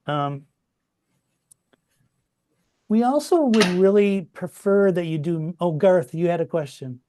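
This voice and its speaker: A middle-aged man teaching a copyediting workshop over a video call, relaxed and chatty, with many fillers and restarts. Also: sits high, takes it slowly. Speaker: workshop instructor. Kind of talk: informal online workshop teaching.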